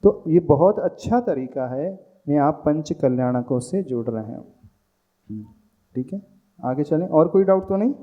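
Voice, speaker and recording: In a muffled recording, a man's fairly high, lively voice moves at normal speed as he, a monk, guides listeners through a Sanskrit hymn. He breaks words into syllables with patience and chants the lines in a slow recitation lesson.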